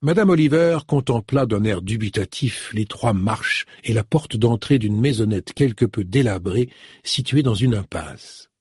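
A man narrating an audiobook chapter in an expressive, storytelling manner. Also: on the low side, measured pace, husky, dry recording, studio quality. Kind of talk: scripted narration.

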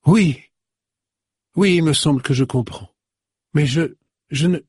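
Audiobook casting: a man playing a young woman, eager and emotional, raised husky voice, close dry sound. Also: fairly high pitch, a little slow, darkish tone, no room sound, pitched above the performer's own voice. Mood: overjoyed.

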